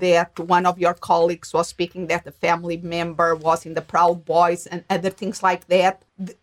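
A middle-aged woman from Portugal with a Portuguese accent, telling stories in a reflective, animated conversational way. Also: medium pitch. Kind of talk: conversational discussion.

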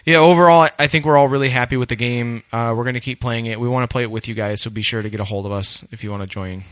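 A man co-hosting a gaming podcast, tired and relaxed, chatting casually late at night. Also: rapid-fire, dry recording. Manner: relaxed, low-energy sign-off banter. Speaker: podcast co-host. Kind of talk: casual chat.

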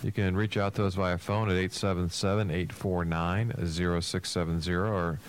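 Male radio co-host, deep voice, informal business-coach chat, faint noise behind. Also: little pitch movement, normal speed. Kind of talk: casual radio talk show chat.

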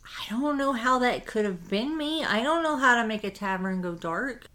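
A woman voicing a frightened young girl with lost memory, speaking in a halting, hushed, apologetic way in a tabletop game. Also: fairly high pitch, expressive. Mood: scared.

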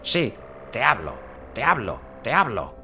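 Man voicing a talking eagle in a storybook, bright, sing-song, says each line three times. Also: medium pitch, wildly swooping pitch, a little slow, gravelly, soft background music, voice pushed up, exaggerated voice. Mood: cryptic. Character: talking caged eagle, repeats everything thrice.

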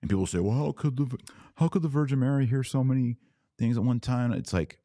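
Responding to viewer comments on his podcast, an American host explains religion with informal emphasis, raising rhetorical questions and answering them himself. He speaks briskly in a mellow, mid-range voice, and the studio-quality audio has no echo.

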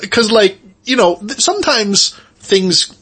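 A man's voice: high voice, very animated, a little slow, fairly bright tone, husky. A man co-hosting a podcast in casual chat, talking in a rambling, conversational way. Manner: rambling, conversational, often saying "like". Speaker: podcast co-host.

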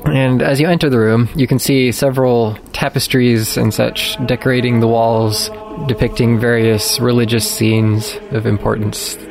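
A man's voice: mid-range voice, flat delivery, moderate pace, creaky, hardly any pauses, music in the background. A man narrating a tabletop game as game master, describing scenes for his players.

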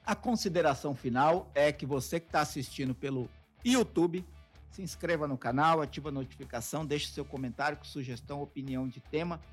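A man's voice: on the high side, a little fast, slightly rough, faint music behind. A man with a Brazilian accent, co-hosting a podcast and explaining ideas with acted-out everyday examples in casual talk. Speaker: podcast co-host.

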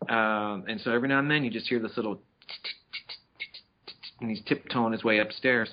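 A man's voice: fairly low pitch, steady tone, normal speed. Middle-aged man, casual podcast chat, playful storyteller, slightly dull lo-fi sound. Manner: chatty, playful, acts out his dogs in little voices. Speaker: podcast co-host.

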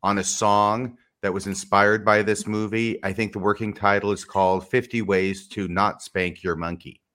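A man with a slightly low voice acts as co-host. He talks in a casual, conversational style. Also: flat delivery, normal speed, fairly bright tone. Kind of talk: casual chat.

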